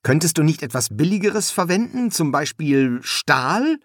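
A man's voice: a little high, big pitch swings, moderate pace, no echo, studio quality, voice pushed up. A man voicing a young pharaoh who is curious, impatient and used to giving commands. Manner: commanding, questioning.

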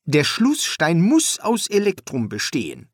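An earnest young architect's son, as the audiobook narrator puts him on. His voice sits well above the narrator's own, lively and explanatory, in a dry close recording. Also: fairly high pitch, measured pace, slightly rough, dry recording, pitched above the performer's own voice, heavily acted. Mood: earnest explaining. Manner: matter-of-fact, explaining.

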